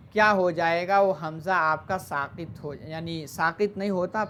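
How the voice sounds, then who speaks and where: A grammar teacher at an ordinary middle pitch, talking through an online lesson. The teacher keeps posing questions to the class and then answering them, slipping English words into the explanations. A faint hiss runs under the voice. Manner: explains slowly, mixing in English terms.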